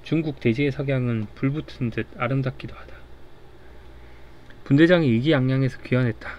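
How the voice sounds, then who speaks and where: A man's voice: medium pitch, fairly quick, a little mellow, highs cut off. Easygoing man reading a comic aloud. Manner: easygoing, reads with small slips and restarts. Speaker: storyteller. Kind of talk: casual read-aloud of a comic for sleep.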